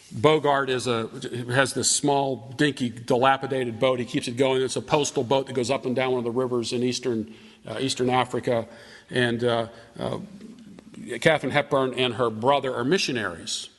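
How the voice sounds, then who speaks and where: A man's voice: medium pitch, a bit bright. A man teaching a Bible study, retelling an old film at length with frequent restarts. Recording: reverberant hall.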